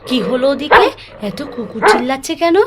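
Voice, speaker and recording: High-voiced woman scolding as a big sister. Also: expressive, fairly quick, background noise. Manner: scolding, bossy, then soft and soothing. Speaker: doll story narrator and voice of the big sister. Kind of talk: scripted doll story acting.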